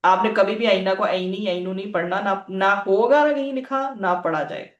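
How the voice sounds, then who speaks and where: A woman teaches an Arabic lesson at a patient pace, repeating each phrase and checking that her students follow. Her voice sits at an ordinary middle pitch. The room around her is roomy and echoey. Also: moderate pace, recorded from a distance, highs cut off. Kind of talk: language lesson.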